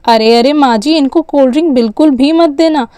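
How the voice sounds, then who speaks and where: A woman's voice: sits high, a little fast, dark tone, no echo, natural voice. Woman doing a fretful, harried young mother. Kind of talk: storytelling with dolls.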